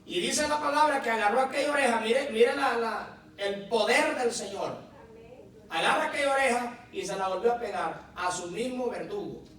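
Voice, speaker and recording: A male pastor delivering a sermon, with dramatic pauses and acted-out quotes. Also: very high voice, a bit bright. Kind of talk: Spanish-language sermon. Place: church sanctuary. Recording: very echoey church hall from far off, with music.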